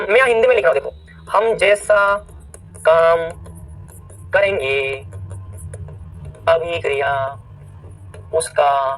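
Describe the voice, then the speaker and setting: A man's voice: high voice, recorded from a distance, low-quality recording. A man teaching a chemistry lesson who speaks, mixing English science terms into his talk, repeating key points and often checking that students are following. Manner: says words one by one slowly to stress a rule. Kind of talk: classroom lecture to students.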